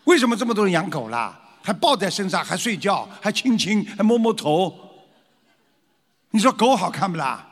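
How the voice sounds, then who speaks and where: A man lecturing an audience on traditional culture, animated and full of rhetorical questions, now and then acting out frightened voices. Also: high voice, a little fast, hardly any pauses, slightly rough, long reverb tail.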